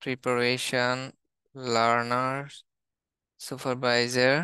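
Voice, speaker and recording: Bangladeshi male English teacher, slow flat word-by-word listing, bright crisp close sound. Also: medium pitch, no echo. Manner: steady, listing words one by one. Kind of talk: reading out a word list in a lesson.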